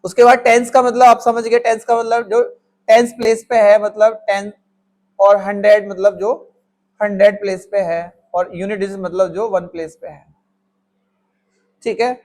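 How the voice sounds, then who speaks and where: High-pitched Hindi maths teacher, coaxing. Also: male voice, flat delivery, moderate pace. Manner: talks students through steps, voicing their answers himself; calls the viewer "my child" affectionately. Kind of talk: classroom maths lesson.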